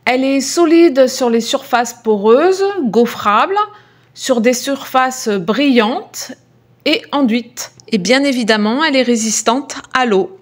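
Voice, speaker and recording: A woman chatting through a crafting voice-over, friendly and hesitant, often pausing on filler sounds as she talks to her viewers. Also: fairly high pitch. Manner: friendly, addresses viewers directly. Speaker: craft video creator.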